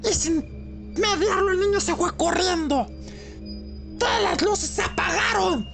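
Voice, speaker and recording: A woman tells a spooky tale for a podcast, dramatic and colloquial. Her voice sits very high. Music plays clearly under her. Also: measured pace. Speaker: podcast storyteller. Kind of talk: horror storytelling.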